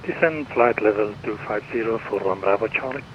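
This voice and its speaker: A man's voice: on the low side, fairly quick, muffled recording. A man on a pilot's headset radio, reading back instructions to air traffic control in a clipped way. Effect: pilot radio transmission over headset.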